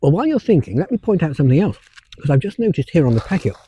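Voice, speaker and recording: Podcast co-host, man, teasing banter, animated delivery. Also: fairly high pitch, very fast, a little hiss or hum. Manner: playful, teasing, chuckles often. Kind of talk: casual chat.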